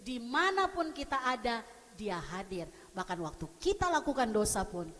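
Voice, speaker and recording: A woman's voice: fairly high pitch, sing-song, moderate pace, fairly bright tone. A woman pastor preaching a sermon in a conversational, humorous way, often asking the congregation questions. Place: church sanctuary. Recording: long church hall reverb.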